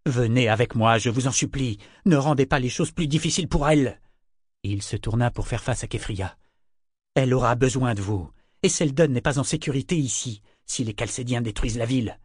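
A man's voice: mid-range voice, a little fast, breathy edge, no echo, clean studio sound, natural voice. A man doing a desperate, urgent young man. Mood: insistent. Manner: urgent, insistent pleading. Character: desperate, forceful young man, half-wild. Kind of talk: audiobook character voice.

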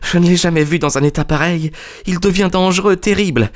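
Anxious young assistant, pitched well above the reader's own voice, plaintive, as a male narrator puts him on. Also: fairly quick, close to an everyday voice. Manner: anxious, pleading. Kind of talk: audiobook character reading.

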